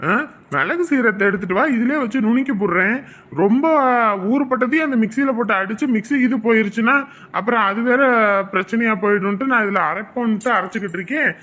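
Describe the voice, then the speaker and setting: Brief: man as a fussy husband, high and bright voice, nagging, family comedy sketch. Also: fast talker. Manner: calling out, nagging. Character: fussy husband grinding spices in the kitchen.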